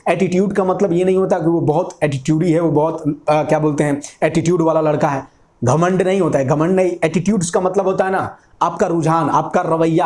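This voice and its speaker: A young man with a high-pitched, somewhat dark voice lectures an exam-prep class at a whiteboard, and the sound is reverberant. He keeps repeating the main points and poses questions that he then answers himself.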